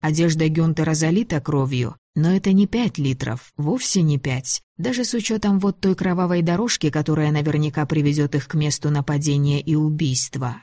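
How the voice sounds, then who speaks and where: Low-voiced woman reading an audiobook. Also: no room sound, clean studio sound. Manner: measured, even reading. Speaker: audiobook narrator. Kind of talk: audiobook narration.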